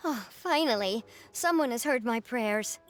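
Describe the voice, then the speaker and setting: A woman's voice: fairly high pitch, animated, a little slow, soft background music. A woman voicing a fussy, self-important female fishing guild representative in a video game, who dithers and keeps repeating her title.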